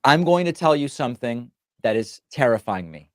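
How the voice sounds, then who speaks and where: A man's voice: medium pitch, big pitch swings, normal speed, no echo. A man giving earnest, direct commentary to camera in a played clip. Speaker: online commentator.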